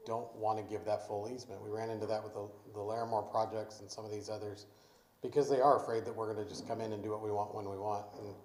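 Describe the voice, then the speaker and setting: A man at a city committee meeting, explaining matters loudly and at length. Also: lowish voice, level tone, fast. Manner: speaks loudly over background noise, explanatory. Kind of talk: public meeting discussion. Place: council meeting room. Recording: echoey meeting room.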